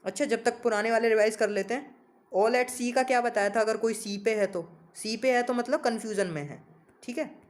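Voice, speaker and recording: A man's voice: high voice, moderate pace. A man teaching English vocabulary in a casual coaching lesson, talking informally to his students and spelling words out letter by letter.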